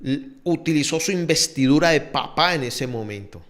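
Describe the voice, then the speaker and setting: A man's voice: fairly high pitch, animated, moderate pace, a bit bright. A man preaching a sermon in an emphatic, conversational way, repeating key phrases. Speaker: pastor. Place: church.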